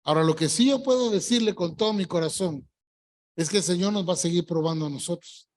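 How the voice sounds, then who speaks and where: An older man preaching a church sermon as pastor, stressing words and drawing key phrases out slowly. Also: high-pitched, darkish tone. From Colombia. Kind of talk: evangelical sermon. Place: church service.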